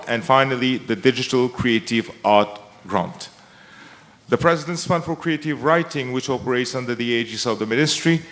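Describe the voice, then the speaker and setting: A man's voice: medium pitch, fairly bright tone. A man with a Mauritian accent reading out a formal prepared parliament speech as a minister, itemising point by point. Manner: formal, enumerating. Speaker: government minister.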